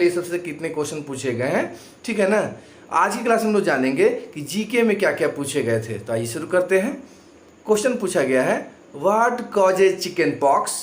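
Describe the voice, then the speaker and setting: A man teaching exam material. He asks himself questions and answers them, and reads each question out slowly in English. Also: high voice, roomy sound.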